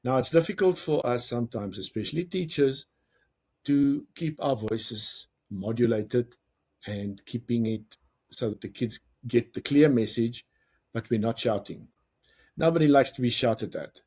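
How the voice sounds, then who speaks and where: A man with a South African accent giving a lively, conversational talk to parents, explaining ideas with jokes and acted-out examples. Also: medium pitch, measured pace, slightly rough. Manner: lively, conversational, jokes and acts out quoted lines. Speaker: parenting coach and teacher. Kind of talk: educational talk to camera.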